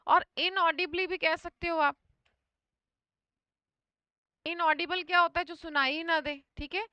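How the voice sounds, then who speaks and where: A woman's voice: very high voice, steady tone, moderate pace, no room sound, muffled recording. A woman teaching English vocabulary for an exam in Hindi, mixing in English words and often checking in with her students. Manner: often repeats "thik hai" to check understanding.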